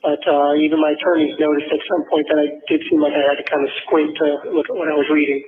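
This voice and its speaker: A man talking over a prison phone line, halting and hesitant with many fillers and restarts. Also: a little high, little pitch movement. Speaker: inmate on a call to his parents. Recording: tinny prison phone line with faint hiss.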